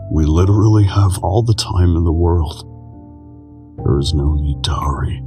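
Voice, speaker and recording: An amateur voice actor in a game fandub uses a very low voice to play a weary old keeper of memories. Calm, solemn, and melancholic, he delivers a measured dramatic monologue with a somber, foreboding mood over clearly audible music.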